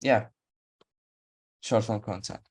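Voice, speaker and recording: A man speaks on a video call. His questions to his coach come eager and quick. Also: lowish voice, fairly even intonation, breathy edge. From Turkey. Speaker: coaching client.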